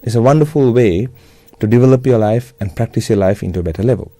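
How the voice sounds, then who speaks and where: A man with a Sri Lankan accent gives a Buddhist New Year talk in a measured, instructive manner with simple phrasing. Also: medium pitch, mellow, no room sound.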